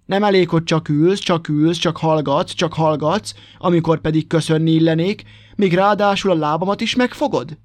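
Male reader as a fussy storybook hare, courteous gone cross, a touch higher, dry close sound. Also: few pauses, dry recording, natural voice. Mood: angry. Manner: stiffly polite, then scolding. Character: prim, touchy male hare, quick to anger.

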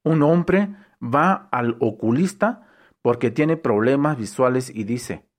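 A man reading short jokes aloud as an unhurried storyteller who briefly voices the punchlines. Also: mid-range voice, animated. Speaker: joke reader.

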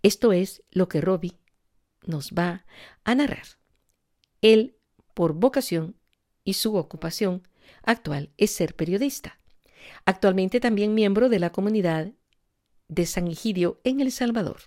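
A woman hosting a religious talk show, gently and formally interviewing a guest. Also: medium pitch, lively intonation, a little slow, long pauses. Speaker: host.

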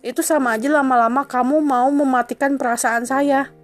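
A woman's voice: high voice, steady tone, a little fast, soft background music. A woman in an emotional dramatic monologue, confronting her husband in a reproachful, indignant voice and driving her accusations home with insistent repetition.

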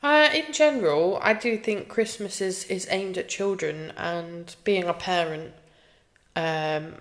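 Slow, low-voiced woman chatting. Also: fairly bright tone. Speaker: guest, host's wife. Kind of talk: casual podcast chat.

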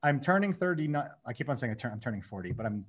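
A man in his thirties, a guest on a podcast, telling his story in a lively way and acting out his own inner dialogue. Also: mid-range voice, fast talker, breathy edge. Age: 30s. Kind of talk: casual conversation.

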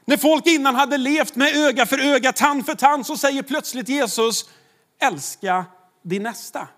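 A man's voice: very high-pitched, steady tone, a bit bright. A man, a pastor, preaching a sermon in a conversational way, with rhetorical questions to the congregation.

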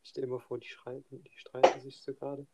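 A man's voice: mid-range voice, monotone, a little fast. A young male student chatting casually in a laid-back, dry, slangy way. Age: young adult. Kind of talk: casual chat. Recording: noticeable background hiss.

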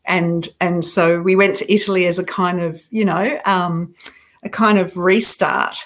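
A woman's voice: lowish voice, steady tone, measured pace. Thoughtful middle-aged woman author. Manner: thoughtful, self-deprecating, frequent restarts. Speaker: author guest. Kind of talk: reflective interview talk.

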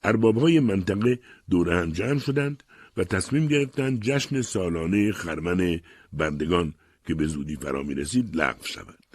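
A man narrating a novel as an audiobook reader in measured storytelling. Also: deep voice, husky, no room sound, clean studio sound. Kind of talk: scripted narration.

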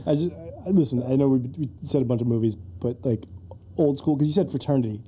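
A man's voice: medium pitch, fast talker, warm tone, muffled recording, slight background noise. A man co-hosting a podcast, chatting casually, swearing often and acting out quotes with laughs. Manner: profane, laughing, acts out quotes. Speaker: podcast co-host. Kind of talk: casual chat.

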